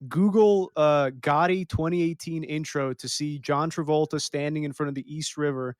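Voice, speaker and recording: A man co-hosting a casual movie-review chat, stumbling and restarting as he rushes to explain. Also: a little high, fairly even intonation, dry recording, studio quality. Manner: halting, restarts often, fast-talking. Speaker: podcast co-host.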